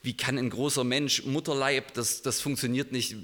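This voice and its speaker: A man's voice: mid-range voice, level tone, normal speed, a bit bright, close to an everyday voice. A man voicing an old, literal-minded male teacher who asks incredulous questions, in a sermon reading. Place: church. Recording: long hall reverb in a church.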